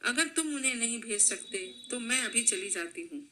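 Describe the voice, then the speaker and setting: A woman storyteller voicing an angry young wife and mother who shouts and accuses. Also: on the high side, expressive, normal speed, slight background noise.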